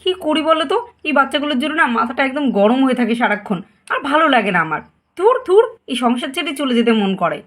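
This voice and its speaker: A woman's voice: medium pitch, brisk, close to an everyday voice. Woman playing a stern scolding mother. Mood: exasperated. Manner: sharp, scolding. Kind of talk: doll story voice acting.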